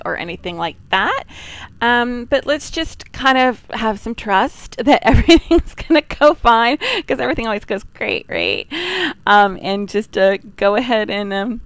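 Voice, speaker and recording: Woman streamer, smooth clear voice, medium pitch, casual chat, self-deprecating. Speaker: game livestream host.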